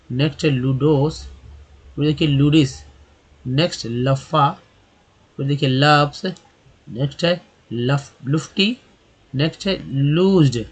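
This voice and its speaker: A man's voice: on the high side, slightly rough. A man teaching English pronunciation, spelling words out letter by letter and asking and answering his own questions. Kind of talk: explaining pronunciation.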